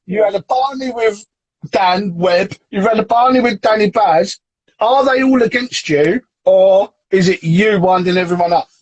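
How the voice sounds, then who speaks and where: A man's voice: sits high, normal speed, no echo, rough recording. A man hosting a casual chat, teasing his guest and laughing often. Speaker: host, team manager.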